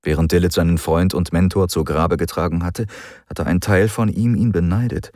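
A man reading an audiobook as narrator, in calm, measured storytelling. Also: low-pitched, no echo, clean studio sound. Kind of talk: scripted narration.

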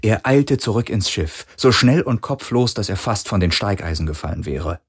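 Deep slow guy reading an audiobook, kinda husky. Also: expressive. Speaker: audiobook narrator. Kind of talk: scripted narration.

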